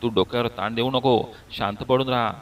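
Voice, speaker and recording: A male narrator voicing a caring father who speaks softly to comfort his son. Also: mid-range voice, fairly even intonation, a little fast, distant mic, a little hiss or hum, natural voice. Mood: soothing. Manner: soft, comforting.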